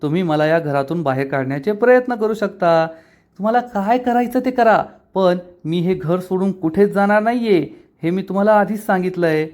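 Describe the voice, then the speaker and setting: A man voicing a defiant, sharp-tongued young woman as he retells a TV episode. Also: high-pitched, moderate pace, lightly acted.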